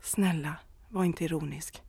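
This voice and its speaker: A woman's voice: sits low, fairly even intonation, creaky, dark tone, husky, no echo, pitched below the performer's own voice, exaggerated voice. A woman voicing a married woman who confesses a love affair, earnest and pleading, close to tears.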